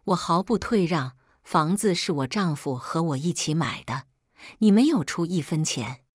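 A woman narrating a first-person family story in a steady, firm reading voice. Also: sits low, normal speed, no echo, studio quality.

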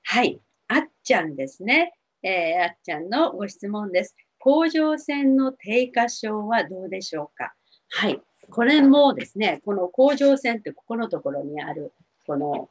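Woman, husky voice, animated rise and fall, gentle reassuring advice talk, dull lo-fi TV audio. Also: mid-range voice. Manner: gentle, reassuring, many fillers. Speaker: spiritual counselor answering viewer questions.

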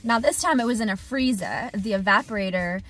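Her voice is mid-range and brisk, with faint music behind it. She's an HVAC technician and business owner in her thirties, vlogging casually and expressively from inside her parked truck, hands moving as she talks to a dashboard camera at arm's length.

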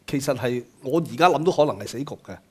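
A man's voice: mid-range voice, animated, fast, a little mellow, breathy edge. A man, an interviewer laying out a long, argued question step by step. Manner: argumentative, builds a case step by step.

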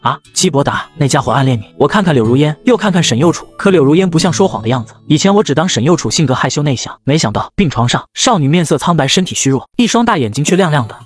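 A man narrates a romantic web novel in a scripted reading. His voice sits somewhat high for a man. He rushes through the lines at a very fast clip. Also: expressive, soft background music. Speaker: story narrator.

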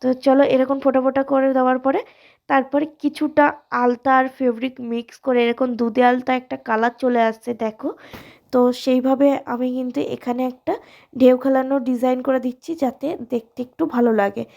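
Hoarse, gravelly high-voiced woman. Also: level tone, a little fast, darkish tone, highs cut off. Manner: friendly, addresses viewers directly and informally. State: hoarse from a cold. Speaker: alta design tutorial host. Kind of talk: casual step-by-step tutorial.

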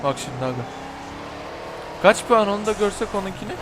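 A young Turkish man giving let's play commentary over a racing game, excitable, shouting and cursing at rival cars. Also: sits high, a little fast, background noise. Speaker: gaming YouTuber.

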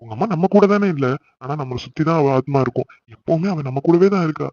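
A man voicing a gentle father who consoles his daughter, speaking softly and reassuringly. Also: on the high side, animated, quick pace, muffled recording. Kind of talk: cartoon voice acting.

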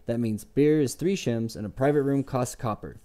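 A man's voice: mid-range voice, normal speed, dark tone, lightly acted. A man reading aloud and voicing a guarded innkeeper with a dry, cutting, sarcastic way of talking. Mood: sardonic. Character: guarded sardonic male innkeeper, middle-aged.

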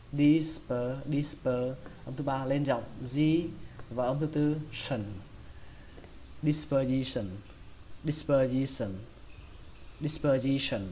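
A man's voice: medium pitch, darkish tone, slight background noise. A man with a Vietnamese accent teaching English vocabulary, patiently repeating each word several times. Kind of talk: pronunciation lesson.

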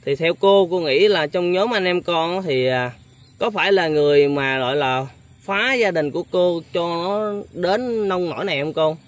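A man's voice: high-pitched, normal speed. A young man hosting a casual interview, speaking politely with many hesitant fillers. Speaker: vlogger host.

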